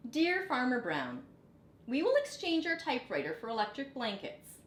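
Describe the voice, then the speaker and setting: A woman voicing politely demanding cows in a picture book, with deliberate, formal phrasing. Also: high-pitched, huge pitch swings, pitched above the performer's own voice. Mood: polite, firm. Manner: deliberate, formal letter-reading. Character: polite but firm cows writing demands. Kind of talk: picture-book read-aloud. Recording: roomy echo, background noise.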